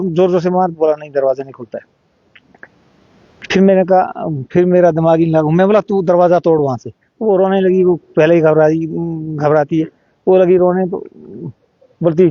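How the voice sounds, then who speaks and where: A middle-aged father telling his story in an interview, halting and repeating words while he acts out what each person said. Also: on the high side, no echo, dull audio. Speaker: interviewee, father of the deceased boy. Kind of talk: emotional first-hand account in an interview.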